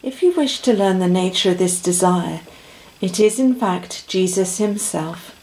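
A woman giving a solemn scripted reading of a spiritual text in slow, even, reverent phrasing. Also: mid-range voice. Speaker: reader of a medieval spiritual text. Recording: roomy echo.

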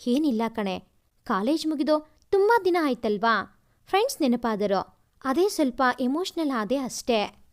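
A heartbroken young man who talks softly and sadly to his younger sister, as a woman storyteller reads him. His voice sits high and moves up and down a lot. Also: big pitch swings, measured pace, long pauses.

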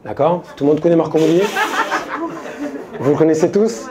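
A man's voice: a little high, crowd noise. Man telling a slangy stage story. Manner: casual slangy storytelling, quoting friends in quick asides. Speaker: stand-up comedian. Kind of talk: stand-up storytelling. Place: stage before a live audience.

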